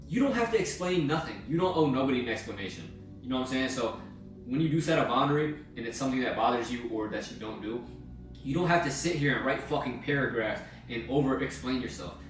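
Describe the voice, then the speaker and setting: Young male vlogger, mid-pitched, blunt and profane, recorded off-mic in a live room with music underneath. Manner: blunt, slangy, swears freely. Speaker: self-help vlogger. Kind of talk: casual motivational monologue. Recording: very echoey room, mic at a distance, music behind.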